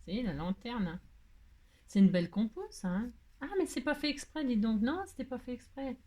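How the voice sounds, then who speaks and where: A woman's voice: a little high, normal speed, dark tone. A French woman hosting a casual craft tutorial, talking hesitantly with lots of fillers and laughing at herself. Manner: chatty, hesitant, fills with "euh" and "hein". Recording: faint background noise and clicks.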